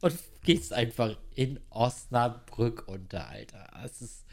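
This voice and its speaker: A man co-hosting a casual podcast rants sarcastically in blunt, slangy talk, with restarts and emphatic swearing. His mid-range voice has lively intonation and vocal fry, and he speaks at a slow pace.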